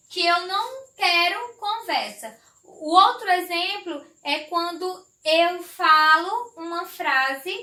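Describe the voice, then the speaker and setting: A woman teacher with a very high, bright voice gives an online grammar lesson. She speaks slowly and affectionately, explaining each point carefully and repeating herself. The recording sounds echoey, as if made in a bare room.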